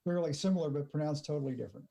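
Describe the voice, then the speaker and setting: Man, audience member, higher pitch, mellow tone, helpful. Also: racing, creaky.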